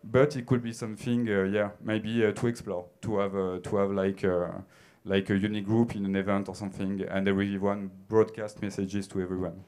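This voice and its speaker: A man's voice: lowish voice, little pitch movement, brisk, darkish tone. A man in his thirties with a French accent answers conference questions on a theater stage into a handheld mic, hesitant and full of filler sounds. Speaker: conference speaker.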